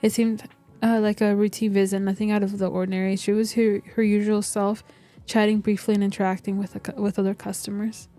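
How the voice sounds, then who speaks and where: Woman acting a village shopkeeper in a game, soft-toned, formal, wordy, nosy. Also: mid-range voice, little pitch movement, brisk, few pauses, soft background music, lightly acted. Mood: formal, intrigued. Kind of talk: reading game dialogue aloud.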